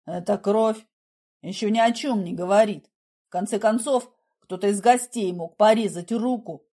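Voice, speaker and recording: Female narrator doing a low, cool, condescending man; dry mockery, never raises his voice. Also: dark tone, lightly acted. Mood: mocking calm. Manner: dry, mocking, unhurried. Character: calm mocking adult man, condescending.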